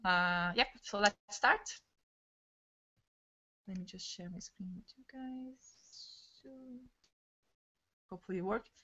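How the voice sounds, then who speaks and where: Fast-talking woman leading a video-call training. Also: mid-range voice. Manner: fast, excitable, restarts words, non-native English. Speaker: trainer leading an online team session. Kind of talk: live online training talk. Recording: dull lo-fi video-call audio.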